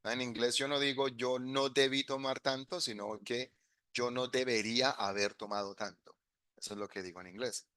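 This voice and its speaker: A man teaches a live online English class, working through grammar step by step and moving between Spanish and English examples. His mid-range voice is bright, forward, and steady at normal speed, sounding dry and close with no room sound or echo.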